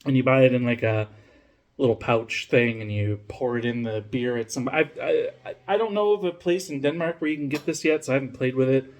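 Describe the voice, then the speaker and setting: A man with a mid-range, slightly mellow voice talks a little fast while casually reviewing a beer on camera from a room in his home in Denmark. He rambles and swears, pokes fun at himself, and fills his talk with fillers and restarts.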